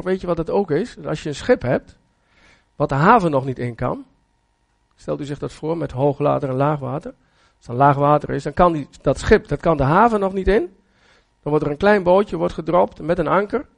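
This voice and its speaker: Gravelly older man preaching a sermon. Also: a little high. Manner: earnest, conversational preaching with tag questions.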